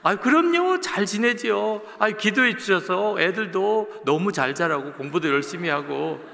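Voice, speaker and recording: A fawning, sugary-sweet mother on the phone, put on by a man, lifting the voice high and rolling it out politely. The sound carries a long reverb, as in a big hall. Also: expressive, unhurried, vocal fry, bright, forceful tone, full character voice. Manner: syrupy, fawning, overly polite.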